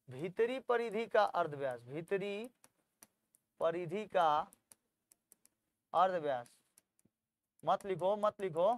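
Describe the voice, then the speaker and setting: A man's voice: high voice, dry recording. A man, working through textbook maths problems aloud as a tutor, coaxing students with questions he then answers.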